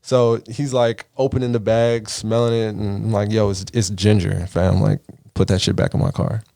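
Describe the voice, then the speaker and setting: A man's voice: lowish voice, little pitch movement, normal speed, gravelly, mellow. A man from the Caribbean, hosting a podcast, telling a story in a casual, profane way and acting out the voices he quotes. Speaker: podcast host.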